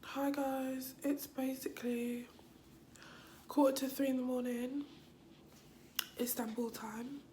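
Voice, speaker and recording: A woman talks into her phone from a hospital room, her voice hoarse and drowsy, slipping into whispers. Her voice sits high but barely moves in pitch. A faint hiss runs under the recording. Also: little pitch movement, slow, pauses often, warm tone. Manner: weak, drowsy, often whispering. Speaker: vlogger. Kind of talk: casual vlog.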